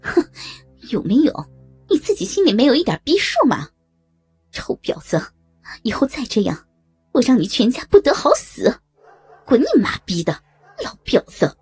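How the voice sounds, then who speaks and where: A woman's voice: a little high, big pitch swings, moderate pace, pauses often, darkish tone, husky, no echo, soft background music, exaggerated voice. A woman voicing a brutal male village chief who snarls insults. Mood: cursing.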